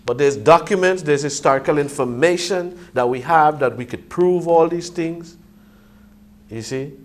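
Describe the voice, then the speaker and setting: A man reasoning conversationally in Rasta discussion style, pausing for words and often checking that he is followed. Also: on the high side. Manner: hesitant phrasing, often checks with "you see".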